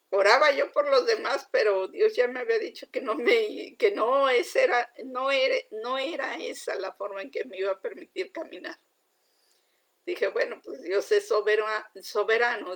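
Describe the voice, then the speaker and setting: Earnest gravelly-voiced woman preaching. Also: mid-range voice. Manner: earnest, emotional, asks listeners "¿sí?" often. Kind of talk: informal sermon with personal testimony.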